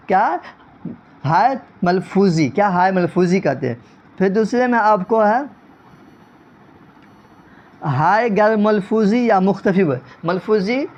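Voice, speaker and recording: A male teacher giving an online grammar lesson, repeating each point and often checking whether students understood. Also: high voice. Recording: dull lo-fi recording.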